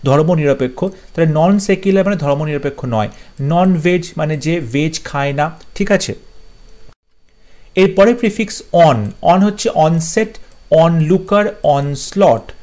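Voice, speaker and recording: A man's voice: a little high, darkish tone. A man teaching English vocabulary in a lesson, listing words one after another, giving short meanings and checking that his students follow. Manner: lists words and gives quick meanings, checks understanding.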